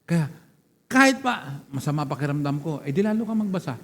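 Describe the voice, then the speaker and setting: A man's voice: fairly high pitch, sing-song, fairly quick, fairly bright tone. A man preaching a sermon as pastor, throwing questions and calls of praise to the congregation. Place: church hall. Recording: long church reverb.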